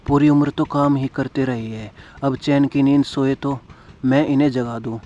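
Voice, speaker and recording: A man's voice: mid-range voice, fairly even intonation, moderate pace, a little mellow, muffled recording, natural voice. A man narrating a story voices an anxious, caring elderly mother-in-law in a motherly, pleading manner. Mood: musing.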